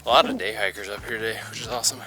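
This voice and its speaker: A man's voice: fairly low pitch, racing, bright, forceful tone. A man talking casually to camera while running outdoors on a mountain trail, as in a personal vlog. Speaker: running vlogger.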